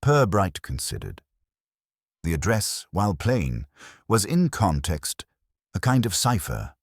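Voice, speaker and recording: A man with a very deep, husky-grained voice narrates a scripted literary fiction audiobook. His delivery is formal and measured yet has lively intonation, and the recording is dry and close with no room sound.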